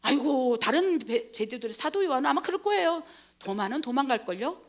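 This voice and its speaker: A woman's voice: sits high, animated, fairly quick. A woman preacher voicing Peter as a boastful, indignant male disciple who protests his loyalty.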